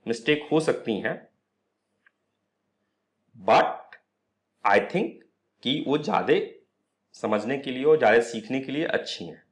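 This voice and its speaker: A man teaching an online astrology class, explaining step by step, posing questions and answering them himself, mixing English words into his Hindi. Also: mid-range voice.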